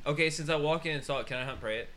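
A man's voice: fairly high pitch, racing, pushed and bright, a little hiss or hum. A man playing in a tabletop game, chatting casually and laughing easily. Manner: easygoing and laughs often. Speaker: player.

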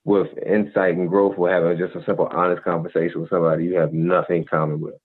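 A very deep-voiced man holds forth on a podcast in a preachy, laid-back way. He leans on "you feel me" constantly. His voice comes through a thin, phone-like band. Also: little pitch movement, fast, breathy edge. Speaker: podcast co-host. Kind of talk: casual advice monologue. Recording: tinny phone-like audio.

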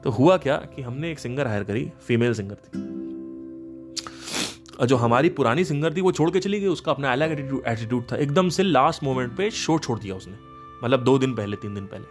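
A man's voice: medium pitch, lively intonation, a little fast, faint music behind. A man hosting a podcast, telling anecdotes from running his band in an emphatic, casual way and acting out the people in them. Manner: emphatic, anecdotal, quotes people in their own voices. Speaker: podcast host and band leader. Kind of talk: casual storytelling monologue.

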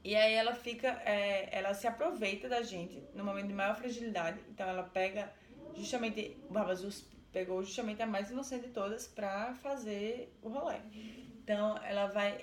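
A woman with a Brazilian accent retelling a folk tale and explaining it in a chatty, animated way. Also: mid-range voice, moderate pace, slight background noise. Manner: chatty, animated, with many fillers. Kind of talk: casual storytelling and explanation. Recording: roomy echo.

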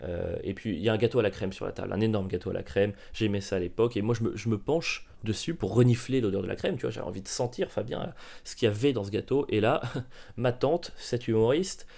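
A man in his thirties hosting a comedy podcast, telling absurd stories in a deadpan way with provocative asides. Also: lowish voice, quick pace, creaky. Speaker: podcast host.

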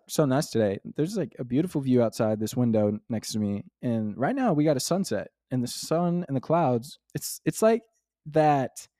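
A man's voice: mid-range voice, mellow, no room sound, clean studio sound. Upbeat young man hosting a home podcast. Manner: enthusiastic, rambling, many fillers like "like". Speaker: podcast host. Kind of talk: casual devotional podcast talk. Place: home dining room.

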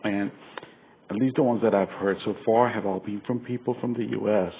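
A man's voice: fairly low pitch, steady tone, normal speed. A man from Costa Rica in his forties, thoughtfully telling his story in a recorded message sent to a podcast. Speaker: listener sending in a story. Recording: tinny lo-fi recording with faint hiss.

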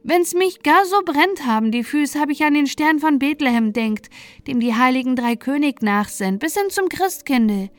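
Brief: a high, chirpy little peasant boy, cheeky and boastful, as a woman storyteller puts him on. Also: animated, normal speed, dry recording. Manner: chirpy boastful dialect chatter.

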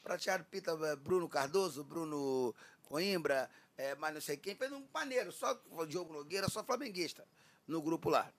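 A man's voice: a little high, normal speed. A man chatting casually on a podcast, telling stories and acting out the dialogue. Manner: animated storyteller, acts out quoted dialogue.

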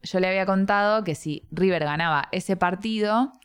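An Argentine woman telling a story in a casual chat, animated and full of local slang. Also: medium pitch, normal speed, clear, resonant tone. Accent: Argentine Rioplatense.

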